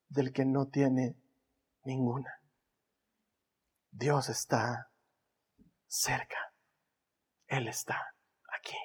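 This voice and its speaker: Middle-aged male preacher, high voice, slow and deliberate, dramatic loud-to-whisper dynamics. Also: slightly rough. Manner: swings from loud emphatic preaching to soft whispers; slow, dramatic pauses on single words. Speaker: pastor. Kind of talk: sermon.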